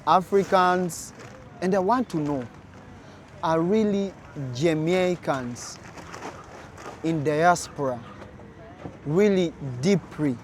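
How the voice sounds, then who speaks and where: A young man from Uganda talking casually to camera as a vlogger, slow, deliberate and earnest, addressing his viewers directly. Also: high voice, a little hiss or hum.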